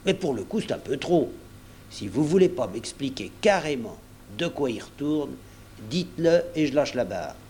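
A man's voice: medium pitch, very animated, moderate pace, darkish tone, a little hiss or hum, voice pushed up, close to an everyday voice. A man voicing a wily, blunt old ship's cook who talks in folksy slang. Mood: pleading, indignant.

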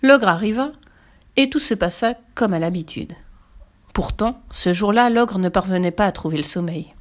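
Expressive woman reading a fairy tale. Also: medium pitch, moderate pace. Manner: expressive, dips into soft whispers on quiet passages. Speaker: storyteller. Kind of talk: scripted storybook narration.

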